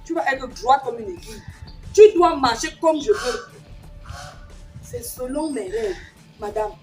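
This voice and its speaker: A woman's voice: fairly high pitch, lively intonation, unhurried, darkish tone, soft background music. A woman playing a harsh, domineering stepmother who scolds her stepdaughter and barks orders at her. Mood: scolding. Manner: barking orders, scolding and contemptuous. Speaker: actress in a family skit. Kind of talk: scripted skit acting.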